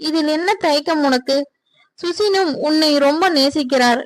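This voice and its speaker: A woman voicing a loving middle-aged mother who gently but firmly coaxes her daughter. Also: high-pitched, moderate pace, lightly acted. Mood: coaxing. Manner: coaxing, reassuring.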